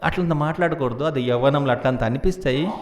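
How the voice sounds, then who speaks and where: A man's voice: mid-range voice, fast, a little hiss or hum, natural voice. A man voicing a worried, fussing mother who scolds and coaxes her son. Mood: worried scolding. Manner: scolding and coaxing.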